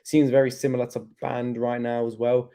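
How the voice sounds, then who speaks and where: A young man hosting a crypto livestream, chatting casually, loose with slang, slowed by pain from his hip. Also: medium pitch, flat delivery, mellow, clear, resonant tone. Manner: chatty, laid-back, loose with slang and fillers.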